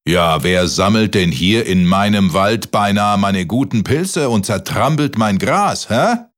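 A man putting on a huge bragging giant who bellows and growls at a little boy. the voice swings up and down a lot and the words come slow and heavy, like a storybook monster. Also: lowish voice, animated, a bit bright. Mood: bellowing. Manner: bellowing, threatening, name-calling. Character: gruff boastful huge male giant.

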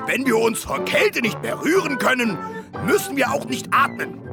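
High, creaky, bossy little frog. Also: female voice, sing-song, moderate pace, over music. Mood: know-it-all. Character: bossy, fussy little frog who quacks. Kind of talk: children's audio drama acting.

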